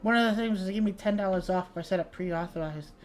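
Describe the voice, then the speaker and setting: A woman's voice: lowish voice, quick pace, darkish tone. Young woman, VTuber, casual stream chat, swears, faint music behind. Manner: chatty, swearing, reading chat aloud.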